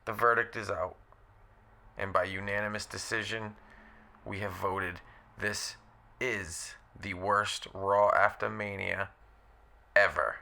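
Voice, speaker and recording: A man's voice: lowish voice, flat delivery, slow, creaky, pushed and bright. A man hosting his own wrestling commentary vlog, delivering a blunt, blustery solo rant that keeps circling back to the same points.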